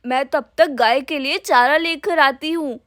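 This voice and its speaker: Casting: woman playing a high-voiced, grumbling old grandmother for a doll cartoon, dry close sound. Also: unhurried, dry recording. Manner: grumbling, scolding. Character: old village grandmother, bossy and fussy.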